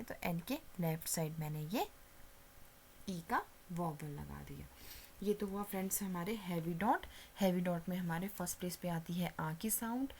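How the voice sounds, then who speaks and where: A woman's voice: on the low side, a little mellow, slight background noise. A woman shorthand teacher, explaining a lesson step by step, often checking that viewers follow and dropping to near-whispers while writing. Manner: patient, repeats steps with frequent check-ins; mixes English terms into Hindi explanation.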